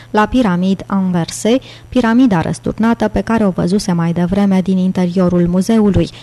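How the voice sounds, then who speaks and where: A woman narrates an audiobook in a steady, even storytelling manner. Her voice is mellow and warm, at an ordinary middle pitch.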